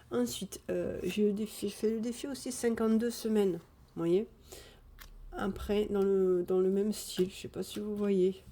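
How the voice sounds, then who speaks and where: A woman chatting casually live on a phone camera, thinking out loud as she sorts and counts cash. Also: mid-range voice, gravelly, a little hiss or hum. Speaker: budgeting vlogger.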